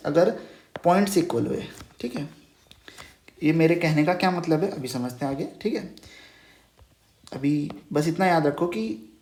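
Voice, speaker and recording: A man's voice: fairly high pitch, dark tone. Roomy-sounding male teacher, patient. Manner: checks in with "ठीक है" after nearly every phrase; patient, repeats key terms as questions. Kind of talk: Hindi math lesson over a whiteboard. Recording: roomy echo.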